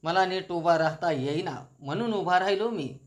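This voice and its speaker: A man's voice: high voice, normal speed, natural voice. A man voicing a playful, lovestruck young village man with a rustic, joking way of talking.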